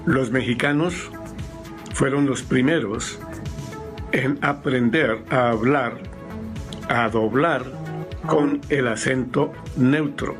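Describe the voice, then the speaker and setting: A man with a mid-range voice speaks very slowly, placing each phrase with care. Clear music plays behind him. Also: medium pitch. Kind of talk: interview answer.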